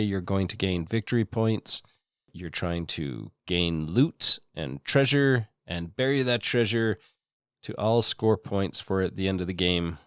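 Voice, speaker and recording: A man co-hosting a board game podcast, explaining a game in a playful, joking way. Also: on the low side. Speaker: podcast co-host. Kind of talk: casual chat about board games.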